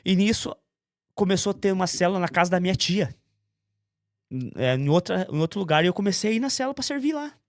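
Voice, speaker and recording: Telling his testimony intensely in a conversational interview, a man animates the story by acting out what others said. His voice sits high and moves fast, recorded at studio quality without room sound.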